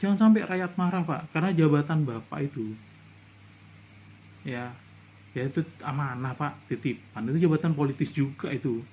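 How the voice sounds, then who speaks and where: A man's voice: mid-range voice, moderate pace, long pauses, darkish tone. A middle-aged man from Indonesia giving a casual commentary monologue, indignant and lecturing, his voice rising into outbursts. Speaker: vlogger.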